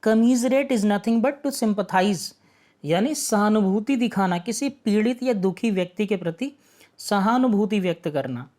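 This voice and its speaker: A man's voice: high voice, measured pace, a little mellow. A man teaching an online exam-prep vocabulary lesson, patiently explaining words, asking rhetorical questions and constantly checking in with his students.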